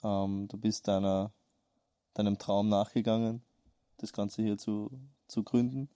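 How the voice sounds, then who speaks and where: A man's voice: lowish voice, flat delivery, a little slow, mellow, dry recording, studio quality. A man co-hosting a casual podcast chat, talking hesitantly with many fillers. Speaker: podcast co-host.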